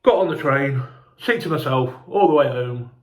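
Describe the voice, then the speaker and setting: A man's voice: medium pitch, lively intonation, normal speed, echoey room. A man telling a casual, rambling travel story, sweary and chatty, sounding hungover and unwell. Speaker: fan vlogger.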